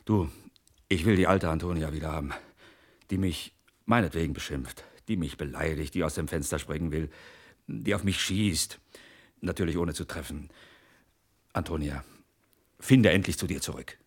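A man's voice: rumbling low, normal speed, pauses often, slightly rough. An actor in a radio play, playing a jealous husband who rants, stammers and pleads with his wife. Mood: earnest. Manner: stammering, repeats "du".

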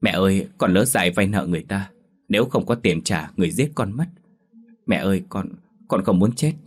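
A man's voice: deep voice, expressive, fairly quick, breathy edge. A man voicing a desperate young woman in debt, pleading and tearful with her mother, in a Vietnamese audio story.

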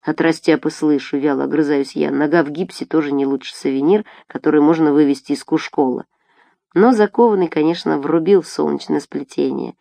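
Woman audiobook reader, lowish voice, wry even narration, dead dry studio. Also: brisk, vocal fry, no echo.

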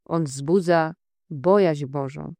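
A preacher giving a Bible teaching, speaking in a slow, deliberate, measured way between scripture readings. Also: mid-range voice, vocal fry, a little mellow, no room sound.

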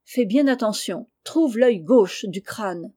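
A woman reading aloud, voicing an excitable, obsessed man who gives urgent orders in a story. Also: mid-range voice, takes it slowly, breathy edge. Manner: urgent, commanding questions. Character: excitable eccentric man, obsessed treasure seeker.

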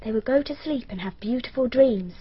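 Playing a dreamy, precocious twelve-year-old, an actress talks in an earnest, matter-of-fact and slightly odd way. Her fairly high voice is fairly quick and slightly rough. It's captured as dull lo-fi archive radio with a faint hiss.

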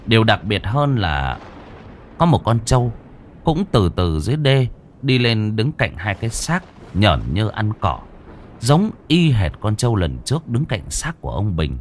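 A man telling a horror story in vivid, expressive narration. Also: lowish voice, unhurried, slight background noise. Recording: narration over faint music.

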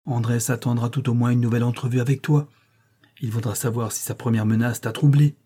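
A man reading a storybook, voicing a bold, spirited young girl who talks in a quick, determined way. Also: mid-range voice, level tone, warm tone, breathy edge, lightly acted.

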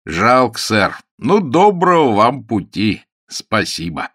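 A man's voice: mid-range voice, sing-song, slow, a bit bright, dry recording, studio quality, exaggerated voice. A man voicing a polite, obliging male doorman who speaks deferentially, in an audiobook.

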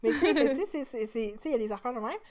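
A woman from Saguenay with a Québécois accent, co-hosting a live-stream podcast in an animated, chatty way full of fillers. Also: a little high, very fast, a crowd in the background. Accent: Saguenay Québécois French. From Saguenay, Quebec. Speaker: podcast co-host. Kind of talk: casual live-stream chat.

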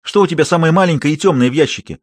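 A man's voice: a little high, racing, husky, no echo, clean studio sound, voice pushed up. A man voicing a bold hunter barking orders. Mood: urgent shouting. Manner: urgent, commanding shouts. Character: bold adult male hunter shouting fishing advice.

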